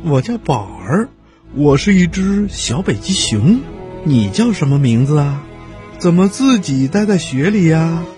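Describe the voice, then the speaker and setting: A man's voice: high-pitched, sing-song, normal speed, darkish tone, faint music behind, voice pushed up. A man voicing a small, friendly boy polar bear cub in a children's story, speaking eagerly and kindly. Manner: eager, kind and encouraging.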